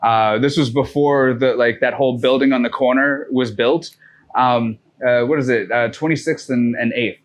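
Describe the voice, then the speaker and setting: His voice sits in the middle range, steady in tone and moderately paced. The man, from Massachusetts' North Shore, is a podcast guest loosely telling a long, wandering tale in casual talk, swearing often and restarting his lines with plenty of fillers.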